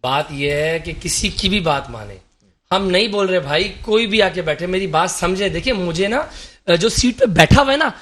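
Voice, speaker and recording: Guy from karachi on a talk show, really high voice, fired up and emphatic. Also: expressive, fairly bright tone. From Karachi, Pakistan. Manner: impassioned, emphatic, rhetorical. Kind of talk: political talk show discussion.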